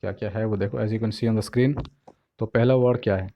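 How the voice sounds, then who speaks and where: A man with an Indian accent teaching English pronunciation in a casual classroom style, mixing Hindi and English, asking "ठीक है?" and sounding words out slowly by syllable. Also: lowish voice, steady tone, creaky, no echo, muffled recording.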